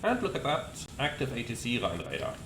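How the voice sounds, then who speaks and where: A man's voice: mid-range voice, brisk. A man presenting a flight simulator as a pilot, explaining procedures and reading back radio calls. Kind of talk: explanatory commentary with radio readbacks. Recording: roomy sound with steady cockpit noise.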